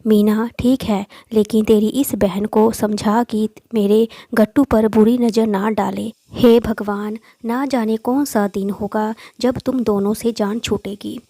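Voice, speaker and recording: A woman voicing a harsh, sharp-tongued stepmother who scolds and shouts, in a storybook reading. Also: medium pitch, level tone, measured pace, hardly any pauses, no room sound, clean studio sound. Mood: scolding. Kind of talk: storybook voice acting.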